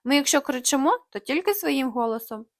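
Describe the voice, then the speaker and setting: A woman voicing a cheeky, quick-talking red-haired clown. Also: high voice, expressive.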